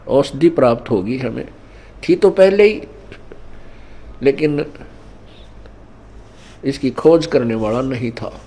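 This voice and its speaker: A man's voice: mid-range voice, warm tone. A man preaching at an ashram gathering, teaching through couplets and parables. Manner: didactic, mixing in scripture couplets and parables. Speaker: spiritual teacher. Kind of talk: Hindi sermon.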